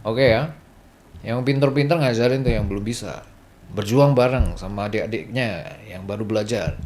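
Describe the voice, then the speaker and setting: A man's voice: on the low side, moderate pace, a little mellow, slight background noise. Chatty man giving casual language tips. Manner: chatty, slips into playful gruff Japanese impressions. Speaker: Japanese language tips vlogger. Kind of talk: casual spoken lesson.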